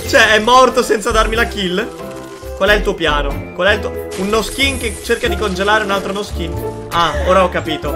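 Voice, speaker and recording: A man's voice: sits high, moderate pace, music in the background. A man, giving casual reaction commentary on game clips, trying not to laugh, repeating himself with playful mock sympathy. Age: 20s. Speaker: gaming video host. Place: indoor streaming setup.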